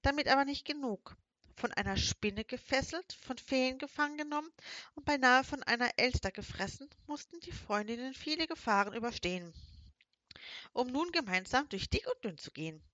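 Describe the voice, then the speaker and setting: A woman's voice: high-pitched, normal speed, dry recording. Woman reading a children's audiobook. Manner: lively storytelling with shifting emphasis. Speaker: audiobook narrator. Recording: dry, dull lo-fi recording.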